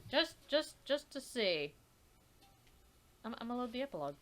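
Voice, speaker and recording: A woman's voice: on the high side, sing-song, moderate pace. A woman casually chatting while playing a visual novel, blunt and swearing often. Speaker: let's play co-host. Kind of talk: casual gameplay chat.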